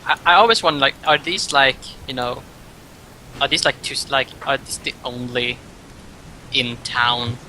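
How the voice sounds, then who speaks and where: A man's voice: moderate pace, bright, forceful tone, low-quality recording. A man chatting casually as a tabletop game player, stammering and repeating his words. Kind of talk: casual chat. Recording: faint background rumble and noise.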